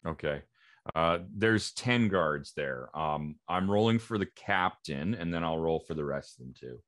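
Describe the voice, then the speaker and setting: Low-ish guy running a tabletop game on a video call, slow, dry sound. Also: animated, a bit bright, no room sound. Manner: unhurried, with fillers. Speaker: game master.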